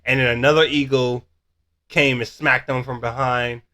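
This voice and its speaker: A co-host of a show review recaps a TV episode in casual chat, with a medium-pitched, pushed, bright voice, fairly even intonation, and normal speed. He rambles, fumbles for words, and says "basically" a lot.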